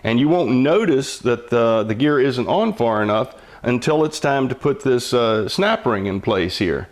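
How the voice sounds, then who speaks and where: A man's voice: mid-range voice, expressive, unhurried. Older guy, old machinist type explaining how to do a job step by step, folksy and patient. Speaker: mechanic giving instruction.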